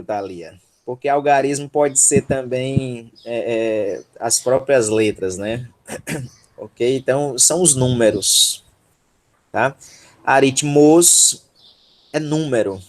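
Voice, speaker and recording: A man with a Brazilian Portuguese accent teaching Greek syllable by syllable in an online workshop, patient and encouraging, checking in with his students often. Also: medium pitch.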